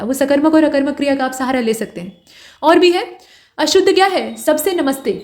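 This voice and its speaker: A woman's voice: sits high, darkish tone. A woman teaching an exam-prep lesson, going through wrong and right spellings one by one in a patient, explaining manner. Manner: explains step by step, correcting each wrong form.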